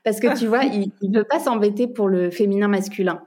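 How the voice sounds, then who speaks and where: A woman's voice: medium pitch, brisk, dark tone. Hesitant chatty French woman. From France. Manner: hesitant, many fillers and restarts, laughs often. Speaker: podcast guest, entrepreneur. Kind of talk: casual chat.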